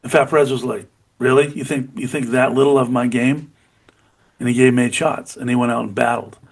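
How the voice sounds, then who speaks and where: A middle-aged man in casual podcast conversation, talking with eager, rambling energy about sports. His voice sits at an ordinary pitch for a man. He keeps circling back to check the listener is with him. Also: steady tone, a little fast, vocal fry, slightly rough. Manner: rambling, enthusiastic, repeats "you know what I mean". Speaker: podcast co-host.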